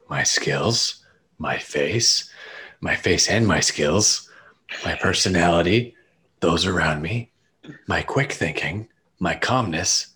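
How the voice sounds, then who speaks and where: A man's voice: deep voice, pushed and bright. A man co-hosting a casual podcast, reading out long lists of quiz options and laughing now and then. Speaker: podcast co-host.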